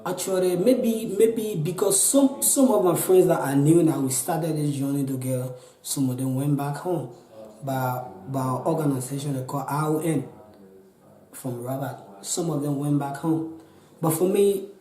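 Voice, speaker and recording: A man's voice: on the high side, measured pace, warm tone, echoey room, low-quality recording. A Liberian man in his twenties with a Liberian accent, telling his own story in an interview, earnest and pleading, often repeating himself. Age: 20s. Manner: pleading, repetitive, restarts often. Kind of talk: earnest personal account.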